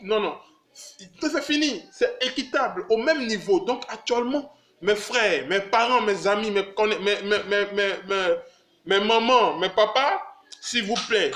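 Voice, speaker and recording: A man's voice: high-pitched, fairly bright tone. A man hosting his own channel, talking casually and emphatically to his viewers, repeating himself and calling them his brothers. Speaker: channel host. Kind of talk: casual direct-to-camera vlog. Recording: echoey room.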